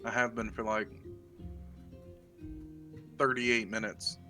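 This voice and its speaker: Guy with a lowish bright voice, chill player on a dnd call, some music in the back. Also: steady tone, slow. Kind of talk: casual chat at a game table.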